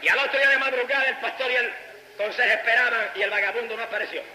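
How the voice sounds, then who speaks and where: A man with a Puerto Rican accent preaching a fervent sermon as an evangelist, breaking into shouted praise between stretches of storytelling. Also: very high-pitched, fast talker, noisy background. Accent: Puerto Rican Spanish. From Puerto Rico. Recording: echoey hall with long reverb.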